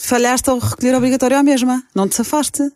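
A woman's voice: high voice, steady tone, fast talker, a crowd in the background. Teasing Portuguese woman radio host. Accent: European Portuguese. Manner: teasing, acts out voices in her stories. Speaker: radio show host running a game. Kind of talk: playful radio banter.

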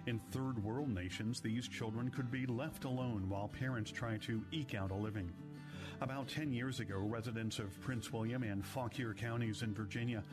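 A man reading a scripted public service announcement in a measured, earnest way. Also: medium pitch, music in the background.

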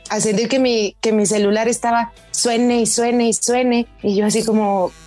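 A Mexican woman in her twenties, a footballer answering interview questions in an animated, casual way with many fillers. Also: on the high side, moderate pace, soft background music. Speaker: professional footballer, interview guest.

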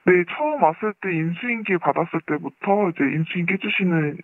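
Anonymous woman caller, voice pitch-shifted deep, dry phone sound, halting and courteous. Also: lively intonation, no echo. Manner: polite, hesitant, many fillers. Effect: voice pitch-shifted deeper to disguise identity. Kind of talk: phone interview on a news program. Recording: tinny phone line.

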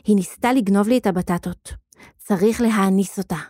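A woman's voice: medium pitch, mellow, no echo, studio quality, lightly acted. A woman voicing a bossy little girl who shrieks indignantly in a children's story. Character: bossy shrill little girl at a market stall.

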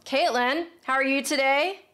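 A woman's voice: high voice, moderate pace, fairly bright tone, a little hiss or hum. An American woman hosting a podcast in a casual, chatty, slangy way. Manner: informal, slangy, addresses listeners as friends. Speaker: podcast host.

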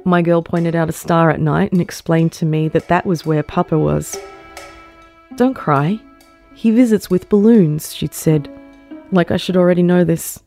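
A woman reading a first-person short story aloud, measured and sorrowful. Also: sits low, level tone, creaky, warm tone, soft background music. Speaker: story narrator. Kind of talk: scripted first-person narration.

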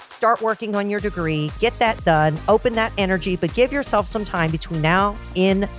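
A woman's voice: medium pitch, moderate pace, soft background music. A middle-aged woman hosting a call-in psychic show, giving blunt, affectionate readings and calling callers honey and girl. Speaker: psychic reader and show host.

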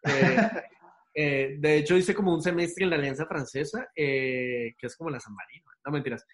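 A man telling things casually and informally as a podcast guest, with an animated storytelling manner. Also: fairly high pitch, moderate pace.

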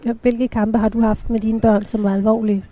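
A woman interviewing a guest, asking gentle, probing questions. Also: fairly high pitch, flat delivery.

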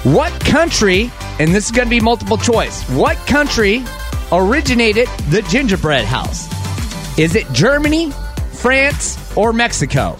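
A man's voice: high voice, very animated, a little slow. A man hosting a radio show, chatting casually with callers. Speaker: radio host. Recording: music playing behind voice.

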